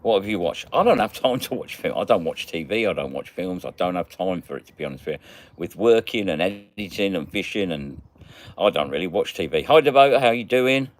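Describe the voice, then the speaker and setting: A man's voice: deep voice, lively intonation, fairly quick. A man hosting a casual livestream, chatting and greeting viewers by name as he reads their comments. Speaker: magnet fishing livestream host.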